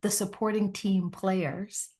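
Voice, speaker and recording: A woman hosting a podcast conversation with lively enthusiasm, often rising with delight as she affirms her guest. Her voice sits at a middle pitch and unfolds in an open, conversational way. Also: slow. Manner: warm, enthusiastic, animated interviewer. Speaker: podcast host.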